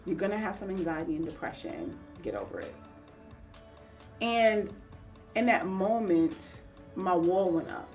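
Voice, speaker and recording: An earnest woman counselor tells her own story in an interview, reflective and open. She sits a little back from the microphone. Soft music plays faintly underneath. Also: lowish voice, moderate pace, recorded from a distance. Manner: earnest and reflective, acting out remembered voices. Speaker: counselor guest.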